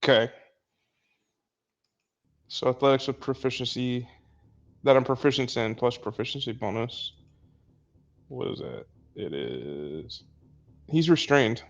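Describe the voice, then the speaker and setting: A man's voice: medium pitch, expressive, a little slow, long pauses, dull audio. A man playing in a tabletop game, joking and laughing as he acts. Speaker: player.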